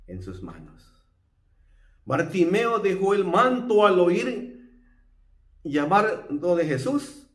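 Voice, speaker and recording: A man's voice: on the high side, roomy sound. A male preacher giving a sermon, emphatic and putting questions to his listeners.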